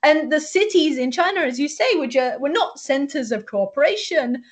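She hosts an academic interview, her high-pitched voice animated and at normal speed. Her questions run long and probing, and she often restarts what she's saying.

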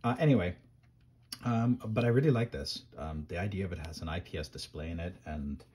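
Deep-voiced male maker, loose workbench walkthrough, lots of fillers, light background noise. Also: a little fast, a little mellow. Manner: rambling, many ums and restarts. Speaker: maker reviewing microcontrollers. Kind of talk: casual hands-on tech demo.

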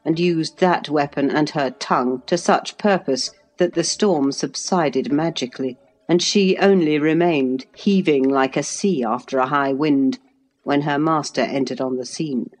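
A woman narrating a classic novel aloud in a measured, even literary reading. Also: deep voice, faint music behind. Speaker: audiobook narrator.

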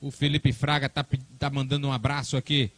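Bright-voiced football commentator, male. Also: medium pitch, flat delivery, a little fast. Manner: chatty, colloquial. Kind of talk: live football match commentary.

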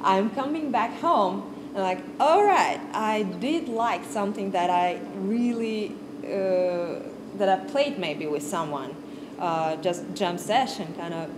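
A guest music lecturer, a young woman from Kazakhstan, talks informally to a class on a large piano stage in unhurried English, frequently searching for words and restarting. Her voice is medium-pitched and expressive. Captured by a far camera with no handheld mic, the audio carries noticeable background noise from the stage.

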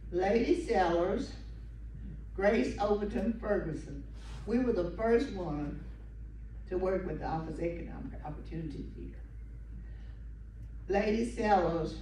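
An elderly woman with a Southern American accent, short of breath, reminiscing in a folksy, unhurried way as she tells stories to an audience. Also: on the low side, a little mellow, distant mic. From southern United States. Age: 70s or older. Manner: folksy, unhurried, with pauses and acted-out quotes. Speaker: guest speaker at a local history talk. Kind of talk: informal reminiscing storytelling to an audience. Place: meeting room with seated audience, phone camera from the audience. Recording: echoey, noisy room recorded from afar.

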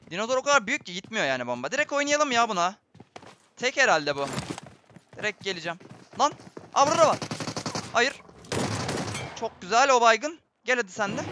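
A young man giving excitable, chatty live commentary on a shooter game to his viewers. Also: sits high, background noise. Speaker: gaming streamer. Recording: game gunfire behind voice.

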